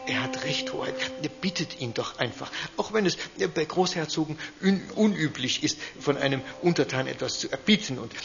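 A man voicing a clever male professor who gives calm advice in a soft whisper, in a whispered role-play. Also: medium pitch, a little fast, hardly any pauses, music in the background, natural voice. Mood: coaxing. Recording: dull lo-fi recording.

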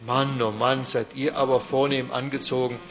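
A man voicing a stubborn, bearded old male mountain hermit who talks gruffly. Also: medium pitch, flat delivery, normal speed, fairly bright tone, soft background music, natural voice. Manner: gruff and growling. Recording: dull lo-fi recording.

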